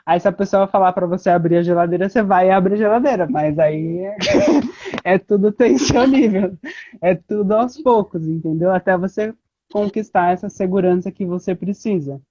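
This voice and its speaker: A woman's voice: mid-range voice, moderate pace. Woman guest on a slightly muffled line. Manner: relaxed, explanatory, many "né" fillers, laughs easily. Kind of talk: casual interview chat.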